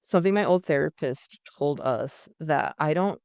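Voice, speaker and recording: A woman's voice: deep voice, normal speed, a little mellow, clear, resonant tone, no echo, studio quality. A young woman from Utah chatting on a podcast, blunt and joking, swearing casually. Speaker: podcast co-host. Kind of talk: casual chat.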